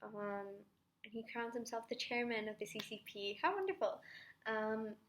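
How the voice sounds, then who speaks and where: A slightly high, fairly bright female voice with a flat delivery at normal speed walks through history revision notes, over a faint hiss or hum. The young woman keeps the study video casual and chatty, adding self-mocking remarks and occasional whispers.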